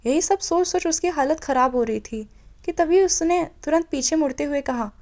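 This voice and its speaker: A woman's voice: high-pitched, normal speed, a little mellow. A woman narrating a romance audiobook, reading each character's lines in slightly changed tones and correcting her own slips. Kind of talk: storybook narration voicing all characters.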